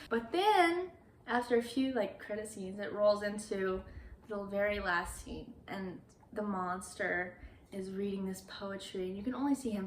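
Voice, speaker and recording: A woman's voice: mid-range voice, sharp tone, slight background noise. A young adult woman recapping a movie in a casual, chatty way, with lots of "like" fillers. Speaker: YouTuber. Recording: roomy echo.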